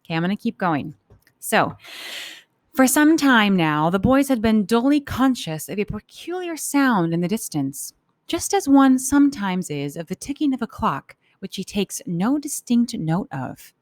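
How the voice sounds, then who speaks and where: An unhurried, sing-song woman's voice of medium pitch reads a story aloud for kids. As a teacher, she stops to explain it informally and acts out thoughts, with no room sound in the recording.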